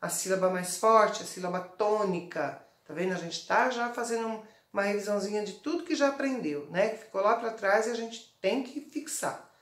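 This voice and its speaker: A woman's voice: medium pitch, reverberant. A woman teacher with a Brazilian Portuguese accent giving a recorded online lesson to children, explaining patiently and checking in often. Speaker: primary school teacher.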